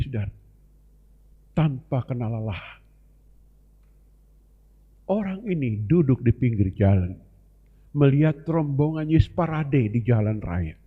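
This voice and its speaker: A man's voice: mid-range voice, breathy edge. A male pastor preaching a sermon to a congregation, often addressing them directly as brothers and sisters. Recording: long reverb, dull lo-fi sound, live broadcast.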